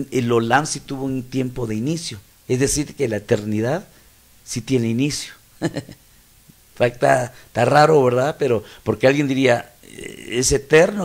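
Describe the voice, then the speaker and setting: A man's voice: mid-range voice, gravelly, darkish tone. A man with a Mexican Spanish accent, a pastor teaching a Bible study, explaining terms and checking that listeners follow.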